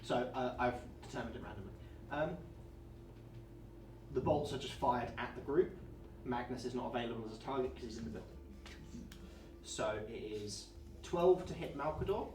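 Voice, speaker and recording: Male game master, mid-pitched, explanatory and halting narration, distant in an echoey room. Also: darkish tone. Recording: echoey room, off mic, faint music.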